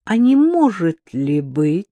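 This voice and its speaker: A man reading the part of a cold, scheming female crime boss who speaks in a measured, menacing way. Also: a little high, fairly even intonation, mellow, no echo.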